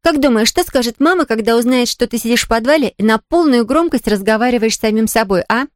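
A woman's voice: on the high side, a little fast, smooth, no room sound, clean studio sound, voice pushed up, close to an everyday voice. A woman voicing a nosy sister who talks in a teasing, mocking way.

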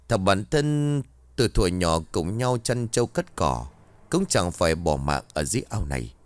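A man giving a dramatic, expressive scripted ghost story narration. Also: fairly low pitch, dry recording.

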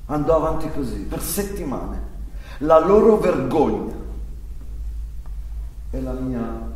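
In a live staged play reading, a stage actor plays the agitated, bitter young son of an exiled Nazi, moving through theatrical monologue and dialogue. His mid-range voice is animated and slightly mellow, his delivery halting and sardonic, the mood tense and confessional. Recorded from a distance on a very echoey stage, the audio carries faint noise.

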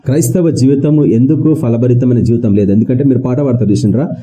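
A man's voice: mid-range voice, fast, warm tone, poor audio. A man preaching a sermon to his congregation, firing rhetorical questions at them and repeating key words for emphasis. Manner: colloquial, mixes in English words.

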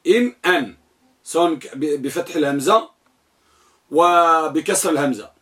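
A man with a high-pitched voice leads a classroom grammar lesson. He drills his students with questions and repeats each answer back to them. Then he recites a long list one item at a time in a steady rhythm. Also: normal speed. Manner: lists items in a steady recital. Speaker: grammar teacher.

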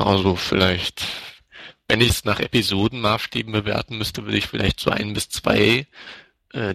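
Gravelly-voiced man, dry close sound. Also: on the low side, fairly bright tone, no room sound. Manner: easygoing, hedging, many fillers. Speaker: podcast co-host. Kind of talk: casual fan podcast chat.

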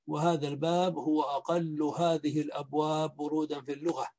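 A man teaching Arabic morphology in a lecture, speaking slowly and deliberately and repeating word patterns. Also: a little high, warm tone, lo-fi sound. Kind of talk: lecture explaining a grammar book.

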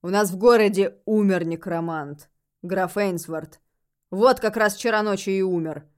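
A woman's voice: mid-range voice, unhurried, natural voice. Woman reading a blunt bearded burly man. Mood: gruff. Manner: gruff, blunt.

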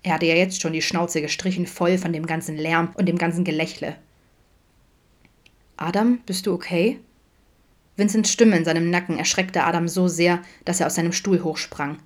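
A woman reading a fan fiction audiobook aloud in a steady storytelling manner. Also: fairly low pitch, brisk, hardly any pauses. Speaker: audiobook reader.

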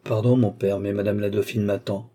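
A man voicing a pale, dutiful young noblewoman who answers quietly and politely. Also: on the low side, flat delivery, a little fast, lightly acted. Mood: subdued.

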